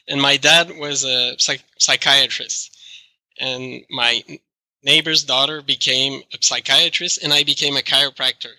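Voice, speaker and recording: French-canadian guy being interviewed, bright voice, stumbles and laughs a lot, dry mic. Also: on the high side, no echo, poor audio. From Quebec, Canada. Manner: hesitant, restarts words, laughs often. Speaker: guest researcher. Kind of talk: interview answers.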